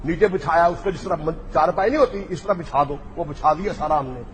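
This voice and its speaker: A man's voice: fairly high pitch, brisk. A man giving a polemical religious speech, mocking and acting out the exchanges he tells. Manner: mocking storyteller, acts out quoted exchanges. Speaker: religious speaker. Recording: echoey hall, faint background noise.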